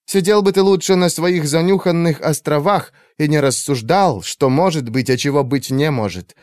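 A man's voice: a little high, normal speed, darkish tone, no room sound, studio quality, voice pushed up, close to an everyday voice. A man voicing a scornful young female elf warrior who taunts with a mocking tone.

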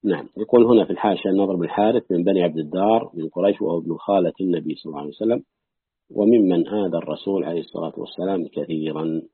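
A man reading aloud from a classical exegesis book in a measured way, pausing now and then to comment or correct a slip. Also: low-pitched, dry recording. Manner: measured recitation, pausing to note and correct slips. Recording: husky, dry, tinny phone-like audio.

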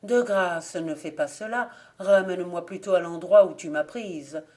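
A woman's voice: on the low side, normal speed, dark tone, lightly acted. A woman reading aloud and voicing the plague as a lame female spirit in a storybook legend, calling out and pleading.

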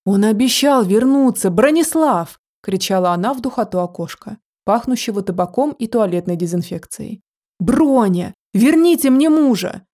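A frightened older woman crying out in desperation, as a woman reading a story puts her on. Her voice is mellow and warm, with a middle pitch, read like a storybook. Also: brisk, few pauses, natural voice. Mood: anguished.

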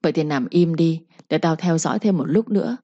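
A woman's voice: low voice, brisk, mellow, no echo. A woman voicing a stern young male master who gives blunt, scolding orders. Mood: brusque. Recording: slightly muffled recording.

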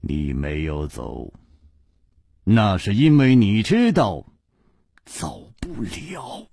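A man voicing a shrewd wandering swordsman hero who speaks calmly and knowingly, slightly husky. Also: low voice, no echo, studio quality, voice pushed down, full character voice. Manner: calm, knowing, unhurried.

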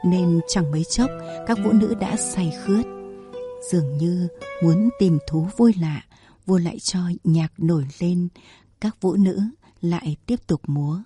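A woman narrating a historical story in a measured, dramatic storytelling manner. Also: lowish voice. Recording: dry close recording with faint music.

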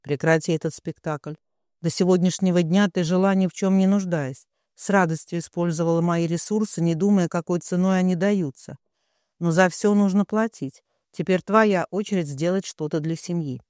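Cold, domineering father, read by a man; flat commands, high voice. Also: moderate pace, clean tone, dry recording, clean studio sound, natural voice.

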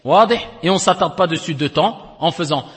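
A man giving a recited-text lesson in a step-by-step teaching style, often checking that his students follow and chanting examples slowly. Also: a little high, animated, a bit bright, long reverb tail. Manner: explains step by step, often checks with "d'accord?" and "clair?". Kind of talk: recorded tajwid lesson.

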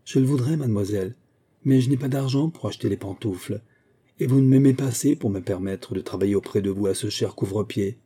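A man voicing a proud orphan schoolgirl who answers quietly and with cool disdain. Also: fairly low pitch, a little fast, slightly rough.

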